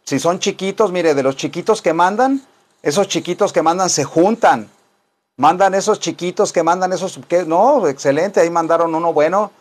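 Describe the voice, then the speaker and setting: Mexican guy teaching english live, kinda high voice, goofy tangents. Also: normal speed. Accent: Mexican Spanish. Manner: playful, rambling, teasing asides to viewers. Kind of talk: joking live-stream English lesson.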